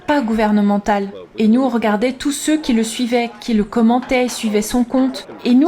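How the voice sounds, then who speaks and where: A candid intelligence contractor voiced by a woman in a conversational dub. The voice sits fairly high. The delivery is offhand and matter-of-fact, like someone explaining office routine. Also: darkish tone, close to an everyday voice. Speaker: voice-over dub of an interviewee.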